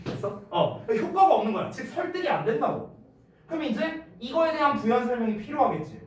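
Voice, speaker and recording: A man tutors English in a casual, lively lecture. His high voice swings widely, and he checks often whether his students are following. He is heard from far off in a very echoey room with faint noise behind. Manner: keeps checking understanding with quick questions; lively, gives acted-out examples.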